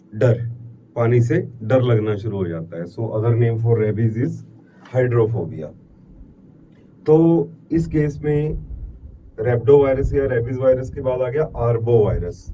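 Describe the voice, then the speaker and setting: Indian male lecturer, mellow distant voice. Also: medium pitch, highs cut off. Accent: Indian English. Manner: mixes in English terms, repeats key words, asks and answers own questions. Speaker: biology lecturer. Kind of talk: classroom lecture. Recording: distant mic with faint background noise.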